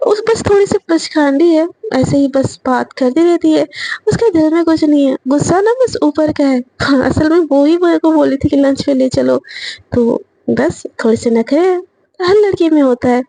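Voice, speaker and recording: Woman doing a soft coaxing boss lady, kinda high voice, mellow. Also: normal speed, creaky, no room sound. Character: gentle, patient young woman boss. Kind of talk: storybook narration with voiced parts.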